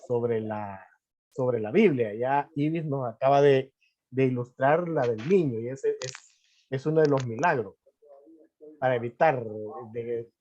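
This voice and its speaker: A man moderating a panel discussion, speaking in a measured way with restarts. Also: mid-range voice, dark tone. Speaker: host. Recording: muffled lo-fi audio.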